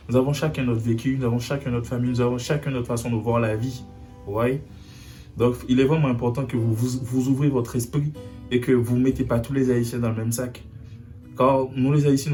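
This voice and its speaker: This young man from Haiti, a vlogger, delivers an earnest personal video message to camera with a medium-pitched, dark-toned voice. He keeps repeating himself for emphasis while faint guitar music sounds in the background.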